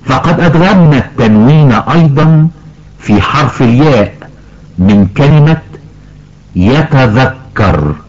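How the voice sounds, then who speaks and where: A man playing an elderly grandfather who patiently teaches Quran recitation rules to his granddaughter, slowly drawing out example words. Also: medium pitch, a little mellow. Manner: slow, careful explaining, stretches out example words. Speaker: tajweed teacher. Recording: dull lo-fi recording.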